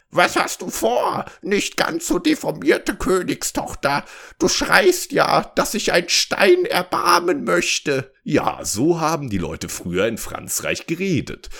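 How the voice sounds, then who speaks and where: A man, a podcast host, reading a parody fairy tale with animated narration and deadpan asides. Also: fairly low pitch, husky.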